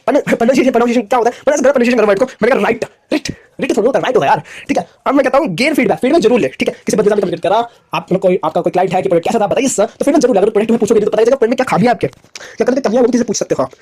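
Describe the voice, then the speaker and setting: A young man giving a casual classroom lecture on business communication, talking in quick repetitive bursts and asking his students whether they follow. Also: very high-pitched, a little mellow. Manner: rapid, repetitive, asks "theek hai?" often. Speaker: commerce lecturer.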